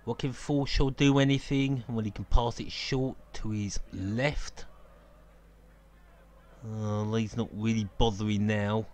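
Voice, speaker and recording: A man's voice: lowish voice, steady tone, takes it slowly, darkish tone. A man giving casual live football commentary from an outdoor stadium on a cold evening, chatty and opinionated and laughing at his own jokes.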